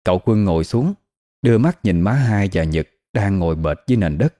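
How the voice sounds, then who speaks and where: A man narrating a scripted horror story in a steady, measured way. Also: low voice, no room sound, clean studio sound. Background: faint music.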